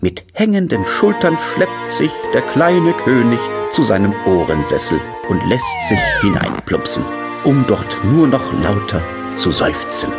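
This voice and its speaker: A man narrating a children's cartoon story in a gentle, coaxing way, speaking to the little hero. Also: mid-range voice, big pitch swings, a little slow, loud music behind the voice. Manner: gentle, coaxing, talks to the figure.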